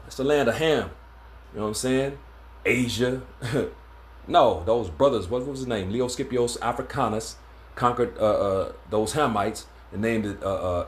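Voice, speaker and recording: Laid-back man teaching scripture. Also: mid-range voice. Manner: laid-back, stumbling, many fillers and "man". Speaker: religious teacher. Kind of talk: informal scripture lesson.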